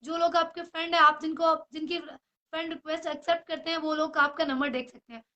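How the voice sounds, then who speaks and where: A woman's voice: high voice, level tone, brisk, bright, forceful tone, muffled recording. A young woman, an actress, talking straight to the camera in a rambling, apologetic way, with headphones on and English phrases mixed in. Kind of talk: emotional personal address to camera.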